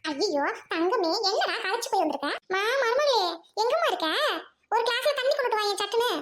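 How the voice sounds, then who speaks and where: A woman's voice: extremely high pitch, expressive, fairly quick, a bit bright. A woman voicing a scolding but doting middle-aged mother in an amateur audio drama, fussing over her son. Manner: fussy, scolding yet tender.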